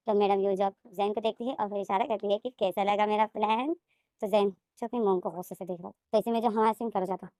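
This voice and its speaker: A woman narrating a fan fiction story recap in a brisk, repetitive storytelling manner. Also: mid-range voice, a little mellow, no room sound, clean studio sound.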